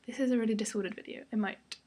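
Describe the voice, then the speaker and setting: A young British woman talking casually and ramblingly in a personal vlog, sounding tired the day after surgery, with a breathy, slightly husky voice. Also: fairly high pitch, steady tone, very fast, dark tone. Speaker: vlogger.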